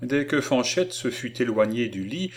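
A man reading an audiobook of a classic novel with measured, expressive narration. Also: medium pitch, slight background noise. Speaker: audiobook reader.

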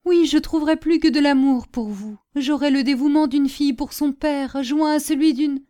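A passionate young courtesan throws herself into every plea, high-pitched and loud with urgency in an audiobook drama. A woman performs her with a mellow warm tone under the fire. She sounds ready to do anything. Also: normal speed, close to an everyday voice. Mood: desperate pleading. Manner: pleading, impassioned, crying out. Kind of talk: audiobook character reading.

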